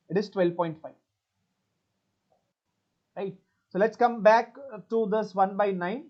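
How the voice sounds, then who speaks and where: A man's voice: very high-pitched, muffled recording. A man teaching math in an online class, switching between Hindi and English and often checking in with his students.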